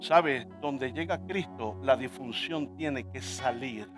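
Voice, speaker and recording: A man's voice: mid-range voice, slow, music in the background. A male pastor preaching a sermon in church, emphatic, often asking the congregation to repeat words after him.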